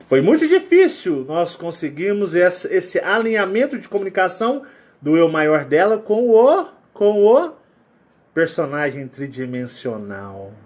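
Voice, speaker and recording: A man with a Brazilian Portuguese accent leads a casual spiritual talk in a high-pitched voice. His delivery swings widely, acting out sounds and voices as he explains. He is sweating as he speaks. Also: unhurried. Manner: animated, acts out sounds and quotes. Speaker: spiritual channel host.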